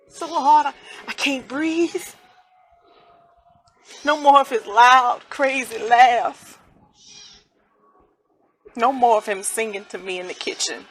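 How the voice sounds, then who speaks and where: A woman acting a grieving mother in a stage play, speaking colloquially and swinging between hushed grief and angry outbursts. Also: on the high side, slight background noise, low-quality recording. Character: grieving mother, raw with sorrow and rage. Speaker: mother of a son shot by police.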